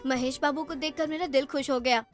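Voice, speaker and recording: A woman dubbing a film as a cheerful, teasing young college girl with a high, playful voice. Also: fairly even intonation, fairly quick, faint music behind, natural voice.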